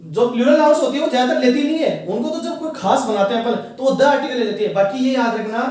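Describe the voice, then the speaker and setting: A man's voice: extremely high pitch, lively intonation, fast, a little mellow. A man teaching an exam-prep grammar lesson, who keeps asking questions and then answering them himself. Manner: quizzes listeners and answers himself. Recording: echoey room, mic at a distance.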